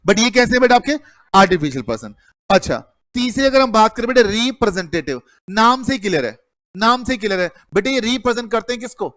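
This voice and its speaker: A middle-aged man lectures a classroom, his voice pitched high and recorded dry and close. He keeps the students engaged by asking the same question again and again. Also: fairly bright tone, no echo. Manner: calls students "beta", quizzes the class with repeated questions. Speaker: accounting teacher.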